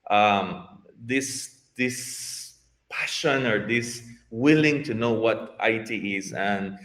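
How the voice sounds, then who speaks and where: Speaking slowly in a lowish, fairly bright voice, a man from Costa Rica answers interview questions as a guest. He runs an IT program, has a Costa Rican Spanish accent, and sounds hesitant, frequently restarting and repeating himself, in an echoey, roomy recording.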